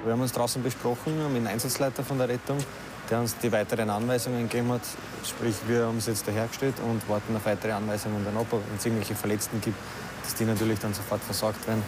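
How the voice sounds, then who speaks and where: A man with an Austrian accent, a paramedic briskly explaining what is happening at the scene. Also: lowish voice, little pitch movement. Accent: Austrian German. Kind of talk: on-scene report. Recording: loud outdoor ambient noise.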